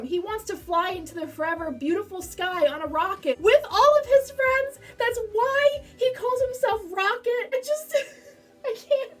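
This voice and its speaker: A woman reviewing a film in a casual vlog, emotional and gushing, full of "like" fillers, her voice a little distant from the mic. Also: very high-pitched. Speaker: movie reviewer.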